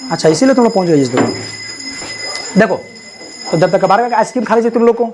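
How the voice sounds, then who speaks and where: A man's voice: sits high, lively intonation, fast talker, noisy background. A man teaching a chemistry class, telling a joking story and asking his students over and over whether they understand. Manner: teasing, repeats checks for understanding. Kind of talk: classroom lecture.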